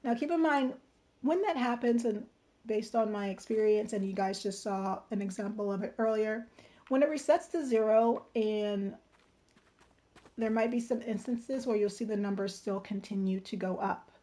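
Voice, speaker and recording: A woman hosts a late livestream, casually walking viewers step by step through a game-building tool and checking in with "right?" and "okay?". Her mid-range voice is soft, informal and moderately paced, slightly hoarse and strained from talking.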